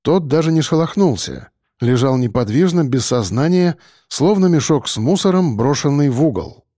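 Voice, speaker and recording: Dark-voiced male audiobook narrator. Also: a little high, expressive, normal speed, no echo, studio quality. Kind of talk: scripted first-person narration.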